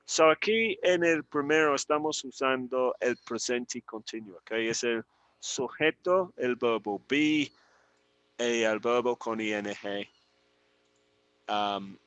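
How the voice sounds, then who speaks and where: Slow, bright-voiced male language teacher. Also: medium pitch, clear, resonant tone, no echo, muffled recording. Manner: slow, patient, repeats example sentences for students. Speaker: English teacher. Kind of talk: live online language class.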